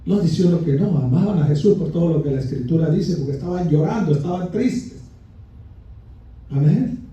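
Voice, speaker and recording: Fervent pastor in an echoey church. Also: male voice, a little high, lively intonation, moderate pace, dark tone, far from the mic, highs cut off. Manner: fervent preaching, often calling listeners brother. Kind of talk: Pentecostal sermon. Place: church sanctuary.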